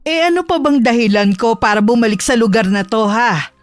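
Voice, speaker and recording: A woman's voice: a little high, brisk, dry recording, soft background music, lightly acted. A woman playing a selfish, haughty mother who became rich and returns to claim what she sees as hers, speaking coldly and condescendingly. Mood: scornful. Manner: condescending, cold, defiant. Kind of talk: Tagalog audio drama acting.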